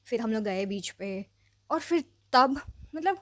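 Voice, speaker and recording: A young woman telling a personal story in a chatty, animated vlog style, dropping English phrases in and leaning on fillers. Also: fairly high pitch, measured pace, dry recording. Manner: mixes English phrases into speech. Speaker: vlogger. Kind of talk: casual storytelling.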